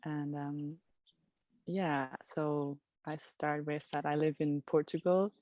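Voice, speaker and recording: A woman from Switzerland, a podcast guest speaking outdoors in a reflective, halting way. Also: low voice, little pitch movement, no echo. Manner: soft, reflective, halting with restarts. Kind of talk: casual interview chat. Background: birdsong.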